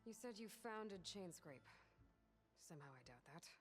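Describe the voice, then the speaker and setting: A sharp, skeptical young hunter, played by a woman, dry and probing. Her voice sits a little low and stays controlled. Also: animated, normal speed, soft background music, lightly acted.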